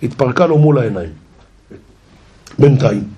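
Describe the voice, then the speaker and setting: A man telling a comic tale in an animated, jokey narrating manner. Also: mid-range voice, breathy edge. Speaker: storyteller. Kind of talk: comic storytelling.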